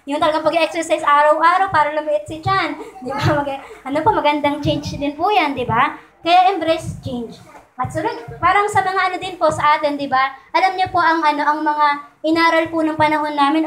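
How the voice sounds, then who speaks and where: Woman preacher, high voice, conversational Taglish sermon, echoey church room with faint noise. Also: fairly quick, a bit bright. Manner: conversational, asks "di ba po?" often. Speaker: church speaker.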